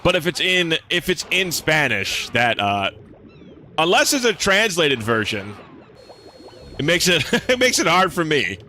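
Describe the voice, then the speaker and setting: Streaming a game, a young man chats with his audience in a casual, laid-back way peppered with swears, speaking with a slight lisp. His relatively deep voice is very animated yet unhurried, pausing often and sounding pushed and bright, with slight background noise.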